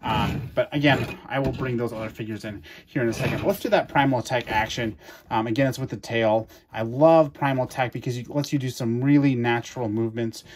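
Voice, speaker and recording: A man's voice: medium pitch, brisk, slight background noise. A man giving an enthusiastic, casual toy review to camera, chatty with many fillers and restarts.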